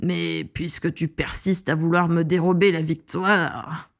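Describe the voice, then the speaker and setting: A woman's voice: fairly low pitch, little pitch movement, measured pace, vocal fry. A woman reading an audiobook voices a crazed male wizard villain who gloats, taunts and threatens. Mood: menacing. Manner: taunting, triumphant, menacing. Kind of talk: audiobook character voice.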